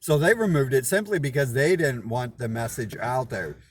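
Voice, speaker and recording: At a moderate pace and with slight background noise, a man with an animated, medium-pitched voice hosts his channel. His monologue wanders, peppered with swearing, restarts and repeated words, and his tone is indignant and suspicious.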